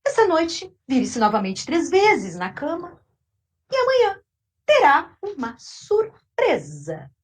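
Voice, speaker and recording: A calm, patient good fairy from a storybook tale, as a woman storyteller puts her on. She speaks gently and soothingly, with a high, lively voice. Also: slow, recorded from a distance, full character voice.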